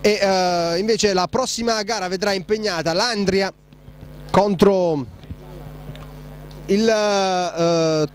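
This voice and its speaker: Breathless, high-pitched man commentating on futsal. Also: slow, long pauses, a little hiss or hum. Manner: breathless, excitable, shouting on goals. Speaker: match commentator. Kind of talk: live futsal play-by-play commentary.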